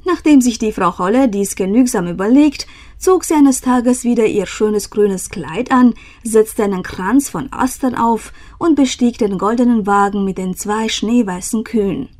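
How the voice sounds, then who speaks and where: A woman reads an old fairy tale aloud in a calm, measured way. Her voice sits fairly high for a woman. The storytelling is steady and unhurried.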